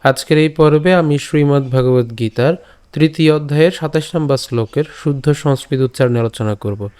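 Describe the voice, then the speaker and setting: A man leading a step-by-step pronunciation lesson, patiently repeating each syllable and chanting the verse lines slowly. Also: a little high, darkish tone, clean tone. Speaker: scripture pronunciation teacher.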